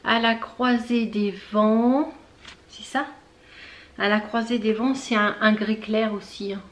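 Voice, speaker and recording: A woman hosting a knitting video podcast from home, chatting casually with many fillers, pausing to search for words and things. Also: on the high side, steady tone. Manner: chatty, talks straight to viewers. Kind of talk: casual show-and-tell chat.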